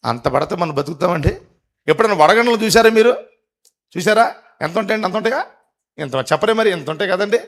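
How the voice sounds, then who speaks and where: A man preaching a live sermon to a congregation, questioning the crowd, urging loud replies and rising to emphatic, drawn-out peaks. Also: high-pitched, lively intonation. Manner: rises to emphatic, drawn-out climaxes. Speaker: pastor. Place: church service before a congregation.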